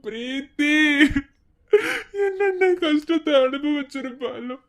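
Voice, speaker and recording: A woman acting out a young cartoon husband who is falling apart, wailing in a very high, slow, broken voice with a Madurai Tamil lilt. He sobs and drags out every line. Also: animated. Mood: sobbing. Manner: wailing, broken, drawn-out lines. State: crying. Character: heartbroken young husband, sobbing and pleading.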